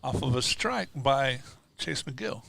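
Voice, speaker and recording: A man's voice: medium pitch, lively intonation, slow pace, gravelly, background noise. A man giving casual, conversational baseball commentary and opinions as a color commentator.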